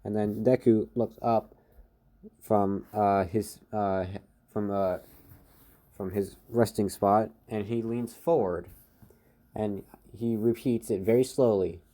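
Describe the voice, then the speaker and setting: A man's voice: on the low side, fairly even intonation, slow pace, mellow. A man improvising a fan story, rambling with many fillers and restarts.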